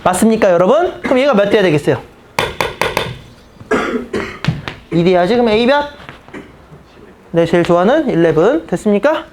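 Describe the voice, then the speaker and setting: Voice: medium pitch, expressive, normal speed, long pauses, background noise. A math teacher in their thirties giving a casual classroom lecture, blunt and teasing with the students.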